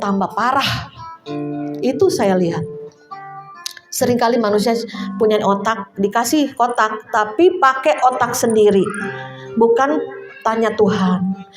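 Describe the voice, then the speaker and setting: Older woman preacher, higher voice, chatty emotional sermon style, soft music underneath. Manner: conversational, emotional storytelling with laughs. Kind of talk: sermon testimony. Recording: faint music behind. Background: soft instrumental music.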